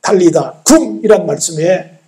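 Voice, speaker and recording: A man's voice: sits high, measured pace. A male pastor preaching a sermon in a church, telling the story with acted-out voices and asking his listeners questions. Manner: animated storytelling, acting out speakers, asks congregation questions.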